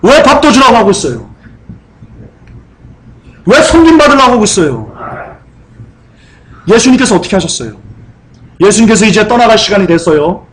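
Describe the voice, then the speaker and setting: A male pastor preaching a sermon, firing off rhetorical questions and acting out scenes with loud cries and sudden soft asides. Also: high voice, big pitch swings, normal speed, pauses often, low-quality recording. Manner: acts out scenes with loud cries and dropped whispers.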